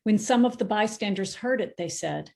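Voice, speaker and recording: A woman narrating a Bible passage at a church service. Her reading is steady and measured, with an occasional stumble that she corrects. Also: mid-range voice, vocal fry. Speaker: scripture reader.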